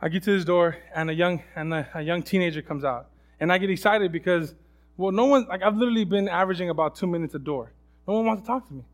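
Young male preacher, slightly high voice, casual sermon, restarts sentences, acts out voices. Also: quick pace. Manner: many restarts and fillers. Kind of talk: sermon with personal story.

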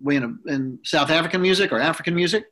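A man's voice: on the high side, quick pace, fairly bright tone. A man hosting an interview podcast who asks long, rambling questions with many restarts. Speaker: host and interviewer.

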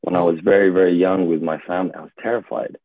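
The voice is a low-pitched man's, fast and fairly flat in pitch, with no echo despite the tinny phone-call quality. He is a Hong Kong-born guest actor in his twenties, chatting casually but hesitantly, thoughtful and full of fillers and restarts.

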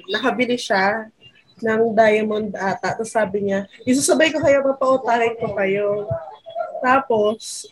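Filipina co-host, fairly high voice, easygoing and conversational. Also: female voice, slightly rough, rough recording. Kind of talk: casual chat.

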